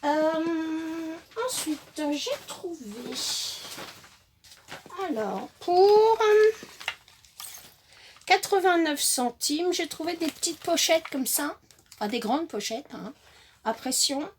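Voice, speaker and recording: A woman's voice: very high voice, lively intonation, takes it slowly, pauses often, slight background noise. A woman chatting casually while showing off a craft-supply haul, hesitant with many fillers and self-corrections. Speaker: crafting vlogger.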